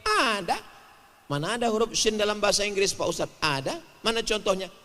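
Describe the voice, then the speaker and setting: A man preaching to a crowd, animated, swinging between loud bursts and quiet asides, acting out little dialogues. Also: high-pitched, quick pace. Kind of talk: lively sermon with jokes. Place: large hall at a religious gathering. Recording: hall reverb from a large venue.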